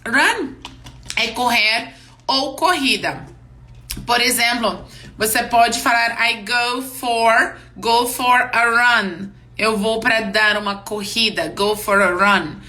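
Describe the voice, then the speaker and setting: Bright-voiced woman teaching pronunciation slowly. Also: on the high side. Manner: slow, drawn-out model words; checks in with "yes?" and "ok?". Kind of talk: live online class. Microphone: live-stream mic.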